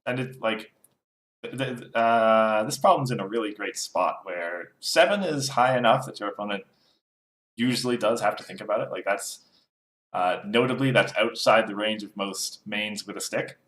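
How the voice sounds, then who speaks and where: Male co-host, low register, halting casual delivery, echoey room sound. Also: a bit bright. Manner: hesitant, many fillers and restarts. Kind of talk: casual card game podcast chat. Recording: roomy echo.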